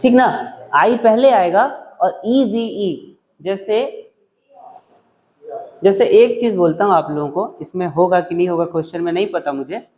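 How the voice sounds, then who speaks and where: A male teacher, taking students through spelling in an exam-prep English class, repeating words slowly syllable by syllable. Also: sits high, dark tone.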